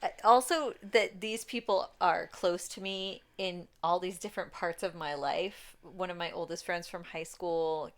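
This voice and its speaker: A young adult woman co-hosts a podcast, chatting casually and telling a rambling story packed with fillers and laughter. Her voice is on the low side with a fairly bright tone, and she talks a little slowly with few pauses.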